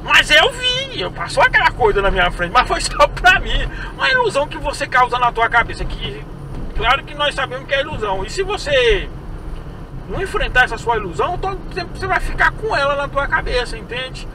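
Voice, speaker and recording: A young Brazilian man who drives a ride-share dressed as a clown chats and jokes with passengers at night, laughing often in a casual prank conversation. His voice is very high-pitched, very animated and fairly quick. A distant dashboard camera mic picks him up inside the car along with road noise.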